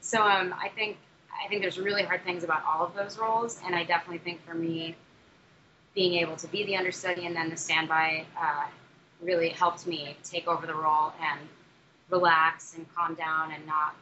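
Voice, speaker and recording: A young adult woman, a musical theatre actress, answers interview questions chattily, full of fillers and restarts. Her voice is fairly low with little pitch movement at a moderate pace, and the recording is dull and muffled with faint noise.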